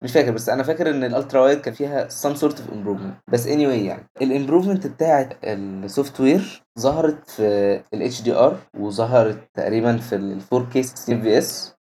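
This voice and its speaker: An Egyptian man in a casual tech discussion, switching freely between Arabic and English phrases. He talks quickly in a mellow, somewhat low voice. Faint noise sits behind him.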